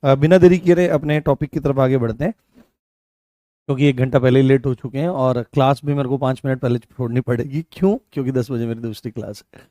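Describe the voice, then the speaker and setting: A man's voice: medium pitch, fairly even intonation, fast talker, dark tone, no room sound, studio quality. A man teaching a live online class, repeating key points and asking his students questions.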